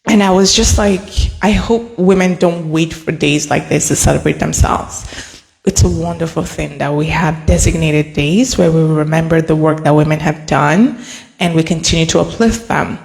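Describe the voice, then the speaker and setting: A woman's voice: deep voice, normal speed, creaky, darkish tone, long reverb tail. A woman hosting a live stream, talking straight to her viewers, flustered and laughing as she goes. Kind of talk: casual live-stream talk.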